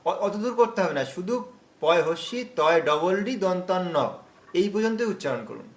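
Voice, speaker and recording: A man teaching an online recitation class over a video call, patient and explaining slowly, drawing out words as he recites. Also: high voice, expressive.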